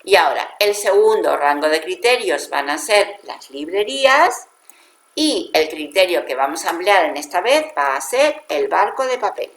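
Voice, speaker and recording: A woman with a Spanish accent from Spain records a screen tutorial on spreadsheets, patiently walking through each step and correcting herself along the way. Her voice sits on the low side and is very animated at a normal speed, with reverberation and a little hiss or hum.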